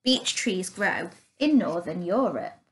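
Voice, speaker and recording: A woman reading a children's picture book aloud, slowly, clearly and carefully. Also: lowish voice, expressive. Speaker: storyteller.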